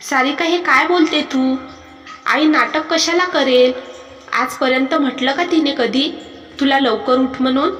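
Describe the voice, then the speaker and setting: A woman's voice: sits high, a little slow. Storybook role: woman doing a firm young farmer husband, echoey room. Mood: stern. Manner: firm, scolding. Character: young male farmer, patient husband, stern when pushed. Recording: echoey hall with music behind.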